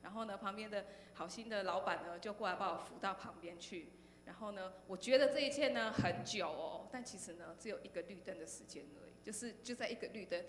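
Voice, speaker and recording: Woman, taiwanese mandarin accent, testimony to a youth service, lively storytelling, long hall reverb, faint noise. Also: mid-range voice, brisk. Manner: animated storytelling, often filling with "然后呢", asking listeners questions. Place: church hall.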